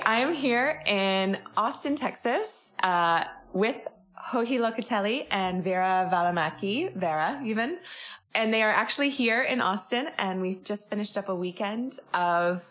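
A woman's voice: medium pitch, lively intonation, normal speed, fairly bright tone. A woman interviewing two guests in a friendly, chatty way, laughing along. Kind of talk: casual interview.

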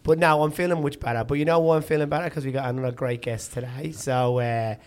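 A man's voice: mid-range voice, fairly even intonation, quick pace, darkish tone. Chatty male podcast co-host. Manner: rambling, lots of fillers and restarts, upbeat. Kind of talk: casual interview chat. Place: studio.

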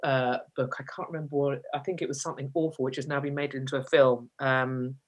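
A woman's voice: very deep voice, level tone, fast talker. A woman, a guest telling personal stories in a chatty, self-mocking way and laughing often. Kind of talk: candid personal storytelling.

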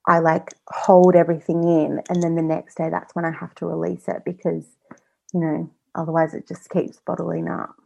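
A woman's voice: lowish voice, flat delivery, normal speed, gravelly, warm tone. A woman guest on a podcast, talking in a casual, chatty way, with many fillers, and often quoting her own thoughts. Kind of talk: casual personal interview. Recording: slightly dull lo-fi audio.

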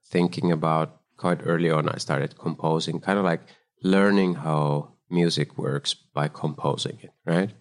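A Finnish man, a founder and composer, telling his story in a thoughtful, measured way in a relaxed interview. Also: extremely low pitch. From Finland. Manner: thoughtful, measured, loose phrasing. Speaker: guest, startup founder and composer. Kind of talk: casual interview chat.

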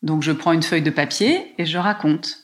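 A woman's voice: low voice, moderate pace. Woman telling a heartfelt personal story. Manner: lively, emotional retelling with frequent hesitations. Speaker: guest telling her life story.

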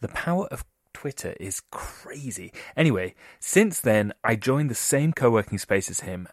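A man's voice: lowish voice, dry recording, studio quality. A man hosting a podcast, introducing his guest with upbeat enthusiasm. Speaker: podcast host. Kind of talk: podcast interview.

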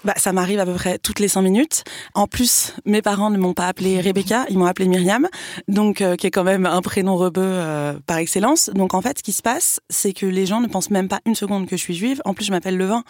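A woman's voice: medium pitch, steady tone, fairly quick, darkish tone, dry recording, clean studio sound. A young woman from France talking candidly at length, with many fillers. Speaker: guest. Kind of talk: casual conversation.

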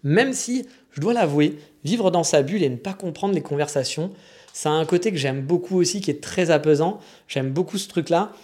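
A man's voice: a little high, animated, moderate pace, a little mellow. A man from France with a French accent, talking in a rambling, frank, slangy casual monologue. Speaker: vlogger living in Japan.

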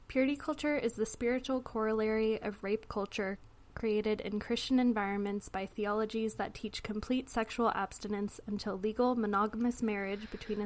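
A woman hosting a podcast in a casual, chatty way, laughing often and filling pauses with "um". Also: medium pitch. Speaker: podcast host.

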